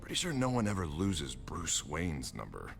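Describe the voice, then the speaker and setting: An actor playing Harvey Dent, a wry, bitter young politician in a hospital bed, in a video game. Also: male voice, rumbling low, huge pitch swings, moderate pace, creaky, music in the background, exaggerated voice. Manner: sardonic.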